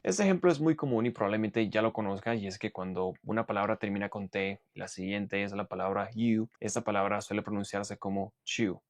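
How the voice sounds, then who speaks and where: A man teaching English pronunciation, explaining clearly and methodically and modelling example words. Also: on the low side, a little fast, hardly any pauses, dry recording. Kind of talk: explanatory language lesson.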